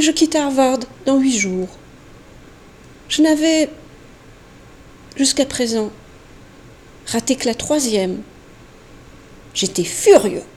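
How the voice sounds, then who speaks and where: A woman giving a slow, deliberate sound poetry recitation, halting with long pauses and now and then dropping to a whisper. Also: high voice, dark tone, a little hiss or hum. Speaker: poetry reader.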